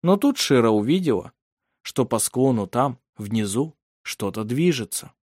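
A man narrates an audiobook with steady, measured drama in his reading. His voice sits at a middle pitch. The recording is dry and close, with no room sound. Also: no room sound.

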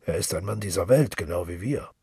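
A man voicing a self-assured middle-aged man of the world who speaks calmly and knowingly. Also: low-pitched, fairly quick, vocal fry, husky, no room sound, clean studio sound, heavily acted. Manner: calm, knowing, lecturing.

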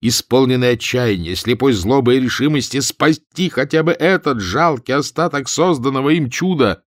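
A man narrating humorous prose as an audiobook reader, telling it with expressive irony. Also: mid-range voice, dry recording, clean studio sound. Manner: expressive, ironic storytelling.

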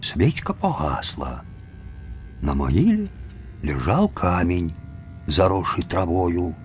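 Male audiobook narrator, low voice, very animated delivery. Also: takes it slowly, faint music behind. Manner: theatrical, lively intonation. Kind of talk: expressive storytelling reading.

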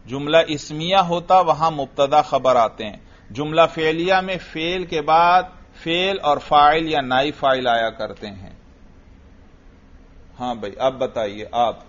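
A man's voice: fairly high pitch, a bit bright. A man teaching an Arabic grammar lesson, questioning a student and repeating the answers. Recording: dull lo-fi audio.

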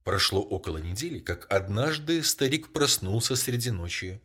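A man narrating an audiobook story in a measured, somber way. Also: fairly low pitch, lively intonation, a bit bright, slightly rough.

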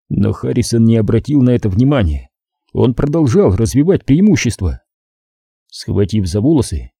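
A male narrator reads a thriller audiobook in a very dark, husky voice. His delivery is measured and dramatic, and his pitch moves lively through each sentence. He is recorded on a dry, close mic. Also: no room sound.

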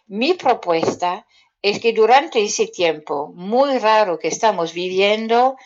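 A woman with a French accent talking gently and playfully to children on a community radio show, offering French lessons. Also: mid-range voice, expressive, takes it slowly. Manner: gentle, playful, addresses listeners directly. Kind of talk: friendly radio talk to children. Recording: dull lo-fi radio audio.

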